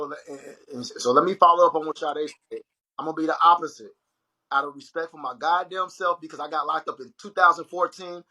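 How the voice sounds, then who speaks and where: A man's voice: fairly high pitch, rough recording. A young man hosting a casual livestream chat, telling stories animatedly and speaking straight to his viewers. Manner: animated storytelling, addresses viewers as y'all. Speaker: livestream host.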